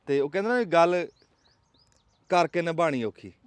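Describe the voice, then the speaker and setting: Speaking at a moderate pace, the man's slightly high voice is expressive and smooth, and the recording is dry. He has a Pakistani Punjabi accent and hosts a casual outdoor vlog, spinning emphatic, rhetorical, folksy stories.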